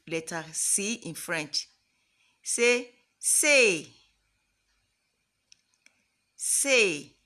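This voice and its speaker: A woman teaching the alphabet as a French teacher, speaking in slow, classroom-style steps, stretching and repeating each letter sound and asking the class to say it with her. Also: mid-range voice, a bit bright. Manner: drawn-out, emphatic repetition of letter sounds, calls for the class to repeat.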